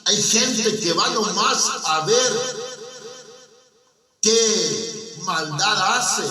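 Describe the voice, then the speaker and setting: A man preaching a slow, emphatic radio sermon who repeats his key phrases. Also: high-pitched, recorded from a distance. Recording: roomy radio broadcast from off mic with music.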